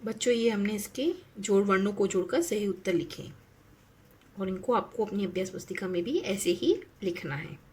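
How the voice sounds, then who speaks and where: A woman's voice: mid-range voice, moderate pace, dark tone, a little hiss or hum. A woman teaching a Hindi lesson to young primary school children, stretching out each word and asking simple questions as she goes. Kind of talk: slow, clearly enunciated lesson for young children.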